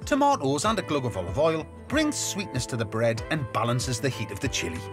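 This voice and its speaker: Uk guy doing cooking show voiceover, super swingy expressive voice, music under it. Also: medium pitch, a little fast. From United Kingdom. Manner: cheerful and conversational. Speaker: TV cooking show co-host narrating. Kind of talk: voice-over narration.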